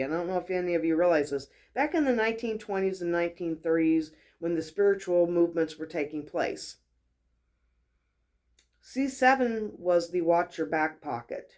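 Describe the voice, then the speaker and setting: A chatty woman hosts a casual spiritual teaching talk. She tells stories in a lively, conversational way and acts out the voices of the people she quotes. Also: on the low side. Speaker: host, wellness mentor.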